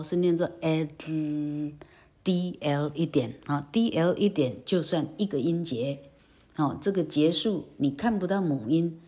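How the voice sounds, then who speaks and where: A woman's voice: deep voice, mellow, husky. A woman teaching English pronunciation, often ending phrases with a tag "ha" and carefully modeling the sounds. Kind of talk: online pronunciation lesson.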